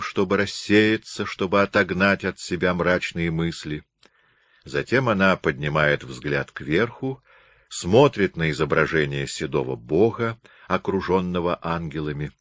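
A man reading a historical novel aloud as an audiobook narrator, in measured, even storytelling. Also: sits low, dry recording.

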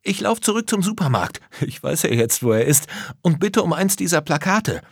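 A bright, eager little girl from a children's storybook, high and bouncy, full of quick excitement, as a male narrator puts her on. Her voice is a little husky in a dry, close sound. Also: dry recording, exaggerated voice. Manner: lively and excited. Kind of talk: storybook character voice.

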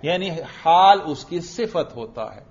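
A man teaching grammar in a classroom lecture. He keeps asking his students questions, answers them himself, and slowly chants example phrases. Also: on the high side, lively intonation. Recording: dull lo-fi recording.

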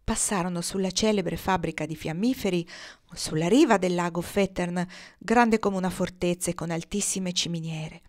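A woman reading a storybook aloud in a measured, expressive narration. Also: on the low side. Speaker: audiobook reader.

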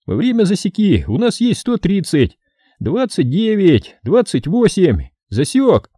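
A man voicing a panicky, rough-tongued sapper who shouts crude words in an audiobook. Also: sits high, wildly swooping pitch, measured pace, no room sound, studio quality, voice pushed up, heavily acted. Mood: frantic. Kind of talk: audiobook character reading.

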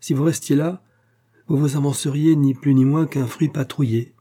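A man's voice: on the high side, steady tone, moderate pace, warm tone, pitched above the performer's own voice, natural voice. A man voicing a gossiping old peasant woman with rural dialect, rambling and fussing in an audiobook reading. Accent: rural French peasant dialect. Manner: rambling, fussing, rustic grammar.

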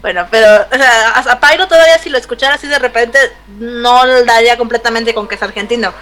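A woman's voice: a little high, fairly even intonation, fast, fairly bright tone. A woman guest on a podcast, chatting in a playful, affectionate way. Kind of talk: casual chat.

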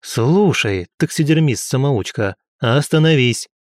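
A man voicing a young male academy student who speaks in a wry, brisk way. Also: mid-range voice, animated, no echo, studio quality, lightly acted.

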